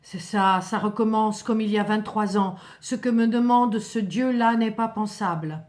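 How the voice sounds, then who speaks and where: A woman narrates a literary story in the first person. Her voice sits at a middle pitch. The delivery is earnest, solemn and dramatic, like a serious storyteller's. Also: moderate pace, a little mellow.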